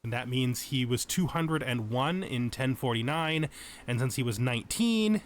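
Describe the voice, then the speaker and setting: This let's play host offers casual tutorial commentary on a game, explaining and thinking aloud while frequently correcting himself. His voice is medium-pitched and animated, at a moderate pace.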